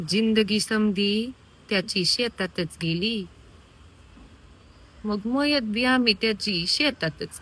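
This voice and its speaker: A woman voicing a weary old village woman who speaks in a slow, soft, tearful recitation. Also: mid-range voice, full character voice.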